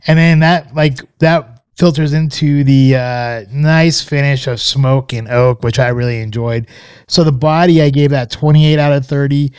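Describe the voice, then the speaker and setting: A man's voice: mid-range voice, measured pace, clean tone, no echo, studio quality. A man co-hosting a podcast, giving a casual, rambling review full of fillers and restarts. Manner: relaxed, hesitant, many fillers and restarts. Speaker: podcast co-host reviewing scotch.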